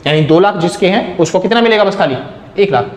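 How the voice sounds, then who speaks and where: High-voiced man teaching accounting. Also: lively intonation, quick pace, roomy sound. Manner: explains step by step, asks and answers his own questions. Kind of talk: accounting lecture.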